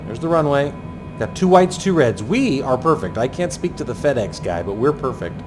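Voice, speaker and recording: A man's voice: medium pitch, very animated, fairly quick, over music. A man giving running commentary as he flies a landing approach, thinking aloud in clipped aviation jargon. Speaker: flight simulator pilot narrating.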